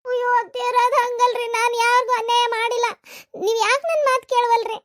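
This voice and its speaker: A woman's voice: very high-pitched, quick pace. A woman with a North Karnataka Kannada accent voicing a meek young daughter-in-law in a cartoon, pleading and defending herself. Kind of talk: cartoon voice acting.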